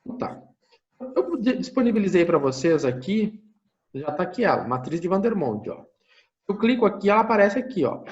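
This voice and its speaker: A man's voice: high voice, very animated, fairly quick, darkish tone, dull audio. A man with a Brazilian Portuguese accent teaching an online class, explaining step by step, thinking aloud and often checking in with his listeners. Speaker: university lecturer. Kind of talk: online lecture with screen sharing.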